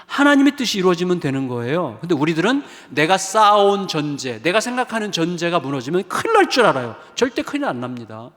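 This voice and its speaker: A middle-aged male pastor preaching a revival sermon with emphasis, rising to exclamations and dropping to hushed asides. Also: high voice, very animated, fast, few pauses. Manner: emphatic, swings between raised exclamations and hushed asides, acts out quoted voices. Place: church sanctuary. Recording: long reverb of a church hall.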